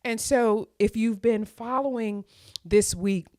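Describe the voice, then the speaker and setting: Excitable woman hosting a live watchalong. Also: on the high side, takes it slowly, no echo, studio quality. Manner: excitable, talks straight to chat with "y'all" and "you guys". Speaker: host of a live watchalong stream. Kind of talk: casual live reaction chat. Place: home.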